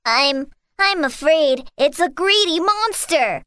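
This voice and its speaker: A woman's voice: high-pitched, lively intonation, slow pace, bright, forceful tone, dry recording, clean studio sound, voice pushed up, exaggerated voice. A woman voicing a timid little male dwarf who stammers nervously. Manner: stammering, fearful.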